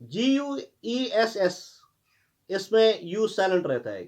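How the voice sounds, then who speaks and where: Male teacher, high-pitched voice, spells out words slowly letter by letter in a classroom lesson. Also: big pitch swings, darkish tone. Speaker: English teacher.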